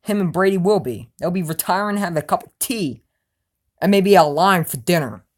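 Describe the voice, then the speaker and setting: She's expressive and talks at normal speed, firing off strong sports opinions in response to viewer questions on her casual vlog. Emphatic throughout, she often asks "you know what I'm saying" and alternates between shouting and muttering under her breath.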